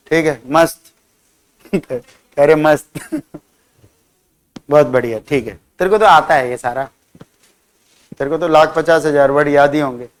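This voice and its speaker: Male vocab teacher, smooth resonant voice, quizzes and ribs a class. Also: on the high side. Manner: drills words by spelling them out and quizzing students; teasing, scolding banter with students. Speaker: English teacher.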